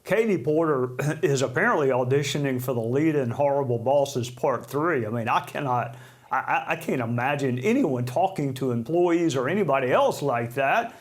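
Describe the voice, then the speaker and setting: A man's voice: mid-range voice, lively intonation, normal speed. A man hosting a live TV news interview, with sardonic, mocking asides. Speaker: TV news host.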